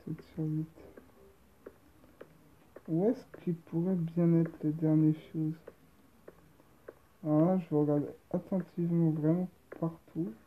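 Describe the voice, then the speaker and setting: A woman's voice: low-pitched, little pitch movement, slow, pauses often, husky, phone-quality sound. A woman giving casual, slangy gameplay commentary as a gamer host, grumbling at the game. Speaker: gamer host presenting horror games.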